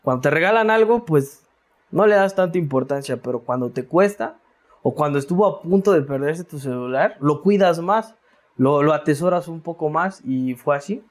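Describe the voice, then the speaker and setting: A man's voice: on the high side, lively intonation, normal speed. A man with a Mexican accent, a guest in a casual interview, telling his story in a reflective, rambling way with many fillers and repeated words.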